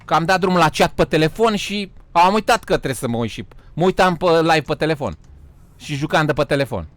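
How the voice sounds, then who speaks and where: Loud joking Romanian streamer guy. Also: fairly high pitch, expressive. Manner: loud, joking, bursts into shouting and laughter; swears and says "frate" a lot. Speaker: game streamer. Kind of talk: live gaming stream chat.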